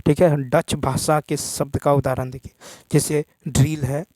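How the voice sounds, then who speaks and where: A man's voice: fairly high pitch, flat delivery, a little slow, a little mellow, slight background noise. A man teaching an exam-prep lesson, working through practice questions and repeating "thik hai" as he goes. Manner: repetitive, says "thik hai" often.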